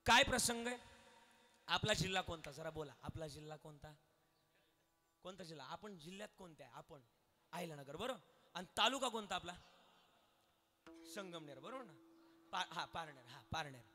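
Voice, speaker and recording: Preacher guy, high piercing voice, quizzes the crowd, long reverb in the hall. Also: lively intonation, moderate pace, pauses often. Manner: quizzes the crowd, urges them to answer aloud; swings from soft asides to loud shouted declamation. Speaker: kirtan preacher. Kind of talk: devotional sermon with call-and-response.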